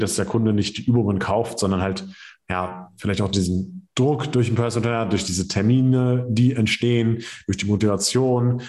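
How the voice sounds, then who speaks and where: A man with a fairly low voice hosts a relaxed podcast about personal training. He talks loosely, hedging with fillers and checking in with little tag questions. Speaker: podcast host. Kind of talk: casual podcast conversation.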